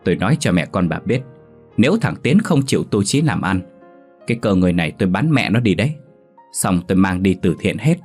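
A man doing gruff, furious village father Bình. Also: low-pitched, lively intonation, brisk, soft background music. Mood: angry scolding. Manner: scolding, hissing through teeth. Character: gruff angry middle-aged village father.

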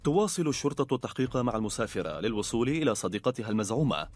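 A man giving scripted narration for a documentary in an even, informative way. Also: medium pitch. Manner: fast, even, informative delivery. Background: faint music.

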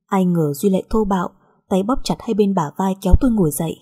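A woman narrates a dramatic first-person story softly and with feeling. Her voice is warm and mellow with a breathy, husky edge. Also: mid-range voice, fast talker. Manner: soft, emotional storytelling.

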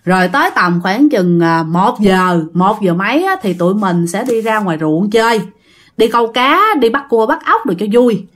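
A woman's voice: medium pitch, lively intonation, moderate pace, lightly acted. A woman voicing a bossy boy who scolds and directs his friends. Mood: plain. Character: bossy boy, leader of the group.

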